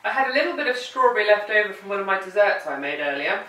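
A woman's voice: mid-range voice, expressive, fast, bright, forceful tone. A woman presenting a cooking demonstration, chatty and playful, talking to the food as she goes. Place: home kitchen. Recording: roomy kitchen, mic at a distance.

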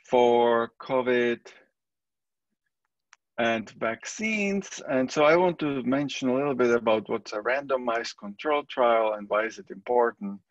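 A middle-aged man from the Czech Republic with a Czech accent, giving a relaxed, conversational recorded statistics lecture. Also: mid-range voice, no room sound, dull audio. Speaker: statistics professor.

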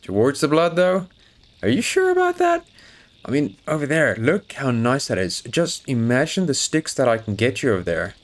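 A man's voice: mid-range voice, expressive, normal speed, hardly any pauses. A man playing a horror game, joking nervously and chatting to his in-game dog as he goes. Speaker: gaming YouTuber. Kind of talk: horror game let's play commentary.

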